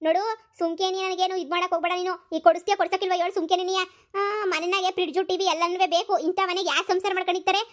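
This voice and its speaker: A woman's voice: very high-pitched, level tone, rapid-fire. A woman voicing a sulky, vain young wife from a village who has started college, whining and snapping in a cartoon comedy. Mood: mocking. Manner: whiny, sulking, sharp-tongued.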